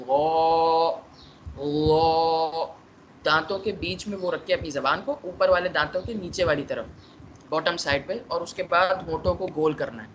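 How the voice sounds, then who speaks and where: A man's voice: sits high, a bit bright, slight background noise, low-quality recording. A man teaching a class, explaining patiently and saying letter sounds aloud to show how they are made. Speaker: tajweed teacher.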